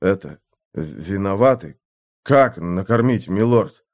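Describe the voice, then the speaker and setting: A man's voice: sits low, expressive, takes it slowly, a little mellow, pitched below the performer's own voice, heavily acted. A man voicing frightened common archers in an audiobook, pleading timidly with their lord. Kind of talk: audiobook character voice.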